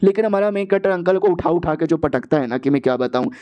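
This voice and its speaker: Male narrator, mellow and somewhat high, slangy casual story recap. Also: lively intonation, fast. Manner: chatty, slangy retelling.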